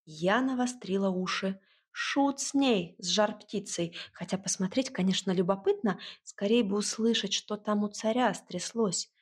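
A woman narrating a fairy-tale audiobook in the first person. Her telling is lively and wry, carried by a husky, slightly breathy voice at a middle pitch. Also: unhurried.

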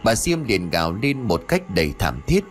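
A man narrating a ghost story in a dramatic, expressive way. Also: fairly low pitch, normal speed. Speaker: audiobook narrator. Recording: soft background music.

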